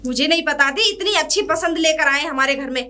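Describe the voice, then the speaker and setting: A woman playing a sharp-tongued elder sister-in-law who taunts and scolds in a family drama. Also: high-pitched, expressive, fairly quick. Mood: scolding. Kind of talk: hobby family drama acting.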